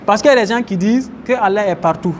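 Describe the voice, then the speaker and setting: This high-pitched man talks fast, and a little hiss or hum runs under the recording. He is an Islamic teacher giving a religious class in a mosque, defining Arabic terms and quizzing his audience while faint outdoor traffic carries in.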